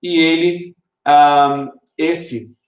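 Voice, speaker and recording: A man's voice: fairly high pitch, steady tone, extremely slow. A male literature teacher, giving a recorded video lesson in an explanatory way and tagging his points with rhetorical questions. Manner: explanatory, tags lines with rhetorical "né?". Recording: roomy echoey room.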